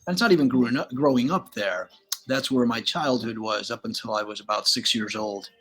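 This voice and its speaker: A man's voice: mid-range voice, a little fast, fairly bright tone. An older man from Galicia, Spain, hosting a casual, rambling slideshow commentary, opinionated and laid-back. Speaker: channel host.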